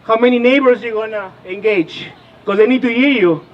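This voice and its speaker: Heard at an outdoor rally, a Peruvian man in his thirties, working as a political organizer, speaks with rousing passion and keeps questioning the crowd. His pitch is high and his pace moderate; the highs are cut off and there's slight background noise.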